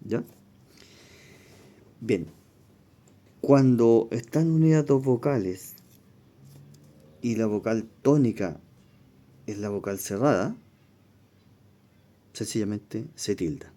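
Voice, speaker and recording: A man's voice: on the low side, animated, takes it slowly, long pauses, warm tone. A man, teaching a language exam review lesson, reading passages aloud and explaining spelling rules step by step.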